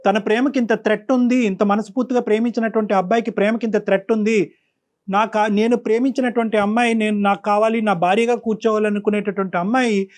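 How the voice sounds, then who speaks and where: A man's voice: sits high, steady tone, quick pace. A male counselor hosting a talk show, probing and moralizing with pointed questions.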